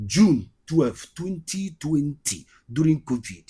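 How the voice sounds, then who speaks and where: A man's voice: on the high side, very animated, takes it slowly, dark tone, slightly rough. A man with a Nigerian Igbo accent, telling his story as an interview guest and repeating phrases emphatically. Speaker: guest, comedian and skit maker.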